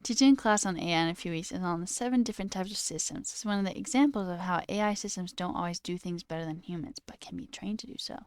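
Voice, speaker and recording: Smooth-voiced woman rambling on a stream. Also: lowish voice, fast, few pauses, darkish tone, no room sound, studio quality. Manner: rambling, tangent-prone storytelling; swears casually, says "like" often. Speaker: livestreamer. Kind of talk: casual chat with live chat. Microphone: headphones with a cord.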